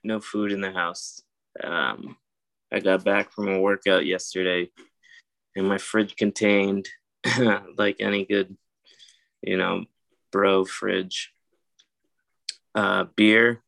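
A man's voice: low-pitched, little pitch movement, slow pace, creaky, long pauses, a bit bright, no echo, rough recording. A man co-hosting a podcast in casual chat, speaking hesitantly with many fillers. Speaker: podcast co-host.

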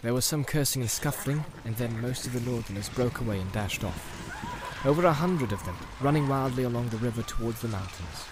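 A man reading a fantasy audiobook as narrator, in a measured, dramatic storytelling manner. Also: mid-range voice, animated, noisy background. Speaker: audiobook reader.

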